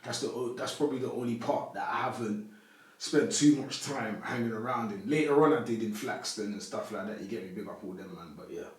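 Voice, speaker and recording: A man's voice: fairly low pitch, fairly quick. A man, a podcast guest chatting loosely with a lot of slang. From Congo. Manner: relaxed, rambling street slang. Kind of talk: casual interview chat. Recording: echoey room, mic at a distance.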